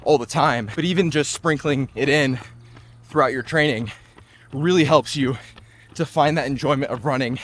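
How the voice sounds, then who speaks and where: A young man in his twenties, a running vlogger, chats casually and upbeat while jogging a trail outdoors, now and then getting out of breath. His mid-range voice is a bit bright at a normal speed, peppered with "like" and "just." The recording carries a little hiss or hum.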